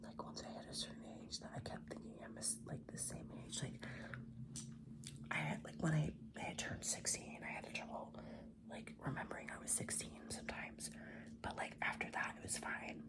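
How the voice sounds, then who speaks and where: A man's voice: on the high side, flat delivery, moderate pace. A twenty-year-old man chatting in a whispered ASMR style while doing makeup, rambling casually and swearing often. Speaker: ASMR creator.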